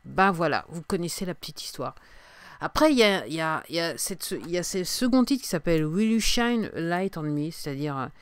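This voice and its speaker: A woman's voice: lowish voice, animated, a little fast, clear, resonant tone, no room sound. A middle-aged woman talking casually about her music on her own podcast, hesitant, with many fillers and restarts. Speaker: singer-songwriter hosting her own podcast. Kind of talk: casual spoken podcast monologue.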